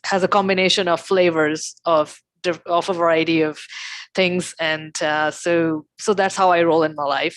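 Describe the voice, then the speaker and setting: Low, level-voiced woman on a video call. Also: fairly bright tone, no room sound. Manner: halting, many fillers and restarts. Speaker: panelist. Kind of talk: casual talk show introduction.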